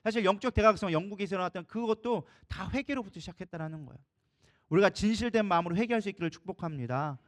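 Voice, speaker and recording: A man's voice: high voice, fast. A man preaching a sermon as a co-pastor, telling stories with animation and acting out the people in them. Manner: animated storytelling, acting out quoted voices. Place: church sanctuary.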